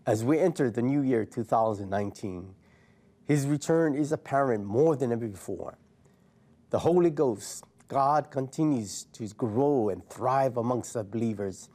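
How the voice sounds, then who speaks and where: A man preaching a scripted sermon as head pastor in a measured, formal way. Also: mid-range voice, mellow.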